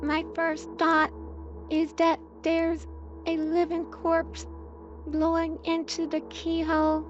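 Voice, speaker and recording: A woman's voice: extremely high pitch, monotone, slow, lo-fi sound, over music. A woman playing a horror game, her voice run through a robotic auto-tune filter, commenting and reading the game's text aloud in a sing-song way.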